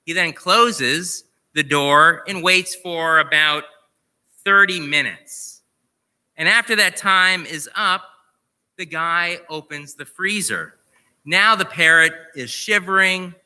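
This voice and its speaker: A man, a rabbi, giving a sermon, telling a story in a measured, conversational way. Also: on the high side, sharp tone, smooth. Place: large sanctuary. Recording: reverberant sanctuary on live stream.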